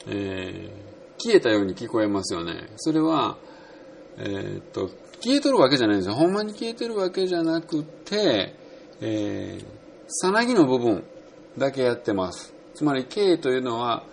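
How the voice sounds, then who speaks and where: Man, Kansai accent, casual pronunciation lesson, lively up-and-down pitch, chatty. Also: normal speed, vocal fry, a little hiss or hum. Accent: Kansai Japanese. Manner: chatty, explains with spoken sound demos. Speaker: English pronunciation teacher.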